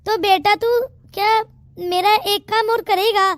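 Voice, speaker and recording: A woman's voice: very high voice, fairly even intonation, a little slow, no room sound, clean studio sound. A woman voicing a stern, wealthy older father in a cartoon, speaking in a commanding, fatherly way. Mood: earnest.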